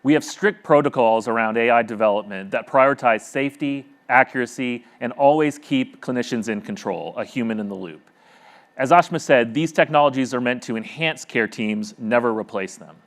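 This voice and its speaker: Man with a steady formal delivery. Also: medium pitch, normal speed. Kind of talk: scripted presentation.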